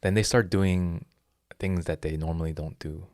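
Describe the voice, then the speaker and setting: A man in his thirties, a jiu-jitsu instructor, earnestly lays out his philosophy in a casual interview, often restarting his sentences. His voice sits low and steady, a little mellow, at a normal speed. The studio-quality recording has no room sound.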